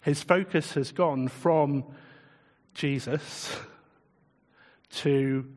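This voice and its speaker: A man preaching a sermon in a relaxed, conversational way, chuckling often and putting questions to his listeners. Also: fairly high pitch, extremely slow, big-room sound.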